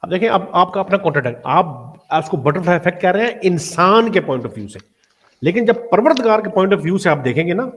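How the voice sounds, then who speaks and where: A man in a heated online debate, explaining calmly and telling the other not to shout. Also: high voice, a little fast.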